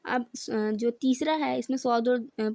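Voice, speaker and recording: A woman with a Pakistani Urdu accent teaches Quran reading to beginners. She explains each rule patiently and then recites the words slowly and deliberately. Her voice sits slightly high, recorded close with a dry, dead sound. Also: steady tone, creaky, darkish tone, dry recording. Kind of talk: step-by-step recitation lesson.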